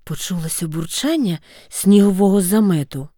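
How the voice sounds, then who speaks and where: A woman narrating a storybook tale in an expressive way, with sweeping pitch. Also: moderate pace, dry recording, clean studio sound. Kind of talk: storybook reading.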